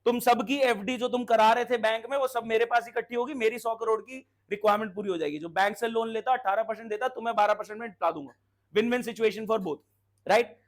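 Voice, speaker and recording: A man speaking fairly quickly in a high voice lectures on commerce, blending Hindi with English terms. Frequent check questions punctuate the class as he drills students to call out responses.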